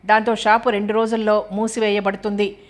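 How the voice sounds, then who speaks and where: A woman's voice: medium pitch, flat delivery, fairly quick, natural voice. Exasperated shopkeeper husband, sarcastic, read by a woman narrator. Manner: scolding, sarcastic.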